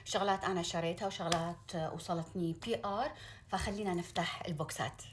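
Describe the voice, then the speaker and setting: Gulf Arabic woman vlogger, audible background noise. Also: lowish voice. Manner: excitable, gushing, drawn-out exclamations; sprinkles in English words and phrases. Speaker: beauty vlogger. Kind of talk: casual unboxing chat to viewers.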